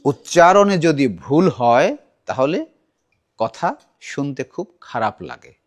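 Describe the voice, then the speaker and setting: A middle-aged man teaching a children's recitation class, animated and asking the class many questions. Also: a little high, slow pace.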